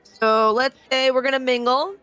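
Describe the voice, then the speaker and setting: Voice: high voice, steady tone, normal speed, sharp tone, clear, resonant tone, faint music behind. A player in a tabletop game, chatting casually and deciding what their character does.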